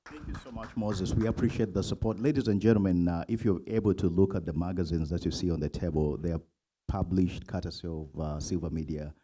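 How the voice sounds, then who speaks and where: A man's voice: low-pitched, brisk, mellow, slightly rough. A man emceeing a convention, thanking speakers and inviting guests up. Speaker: event emcee. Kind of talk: emcee introductions.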